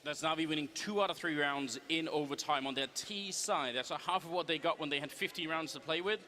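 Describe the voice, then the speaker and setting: A man's voice: fairly high pitch, a little fast, sharp tone. A man giving live esports commentary as a caster.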